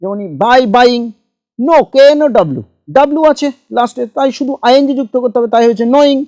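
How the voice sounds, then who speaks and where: A woman with a high voice walks through grammar rules one step at a time, spelling each example word letter by letter. She is recorded close to the mic in a dry room with no echo. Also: warm tone. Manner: slow, methodical, spells words letter by letter. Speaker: English grammar teacher. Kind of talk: grammar lesson.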